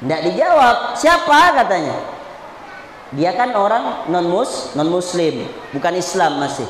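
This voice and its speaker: A woman giving a humorous sermon in a mosque, telling stories with lively acted-out voices. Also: fairly low pitch, a little slow, a little hiss or hum. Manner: lively storytelling, acts out quoted voices. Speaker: preacher. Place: mosque hall. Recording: echoey hall with faint ambience.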